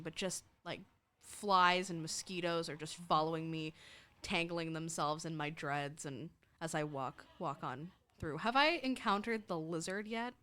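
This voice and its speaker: A woman's voice: lowish voice, sharp tone, clean tone. A young woman playing a tabletop game, chatting casually and describing her character's actions. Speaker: player.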